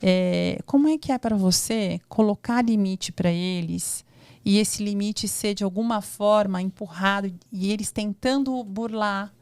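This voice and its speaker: A woman's voice: mid-range voice, unhurried, a little mellow, smooth, no room sound. A woman hosting a casual interview chat, asking open questions and affirming her guests. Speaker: host.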